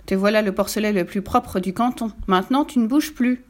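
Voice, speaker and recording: A woman's voice: mid-range voice, a little fast, natural voice. A woman voicing a hungry, boastful male fox in a storybook. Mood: gloating.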